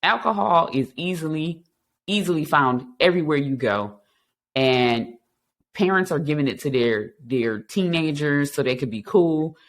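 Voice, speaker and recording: A man's voice: a little high, lively intonation, unhurried, fairly bright tone. A man in his thirties hosting a recovery talk show, speaking earnestly and reflectively about his past and encouraging listeners, with frequent ums and restarts. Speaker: podcast host. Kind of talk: personal testimony and encouragement.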